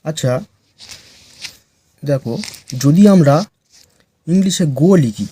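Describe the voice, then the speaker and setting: Man drilling letter sounds, mellow voice. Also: on the high side, lively intonation, takes it slowly, breathy edge. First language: Bengali. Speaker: English teacher. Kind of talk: phonics lesson for beginners.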